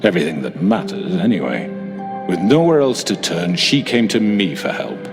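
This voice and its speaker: An actor playing a smooth, menacing middle-aged crime boss who talks in a patronizing, calmly manipulative way, in a game. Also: male voice, low voice, normal speed, exaggerated voice. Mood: smooth, needling. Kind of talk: video game voice acting. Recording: game audio over music score.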